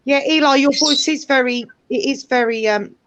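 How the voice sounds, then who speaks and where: A loud British woman chatting in a blunt, sweary, bantering way. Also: high voice, normal speed, no room sound. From United Kingdom. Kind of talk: casual chat, banter.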